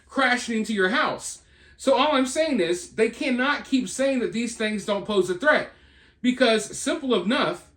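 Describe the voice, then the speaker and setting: In a roomy, echoey recording, a host with a mid-range, fairly bright voice reads a news report and adds off-the-cuff opinion commentary. His delivery is informal, conversational and emphatic.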